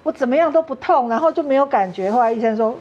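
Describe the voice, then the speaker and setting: In a muffled recording, a high-pitched, expressive woman with a Taiwanese Mandarin accent speaks quickly as a talk show guest. She earnestly tells her own story, acting out the words of other people.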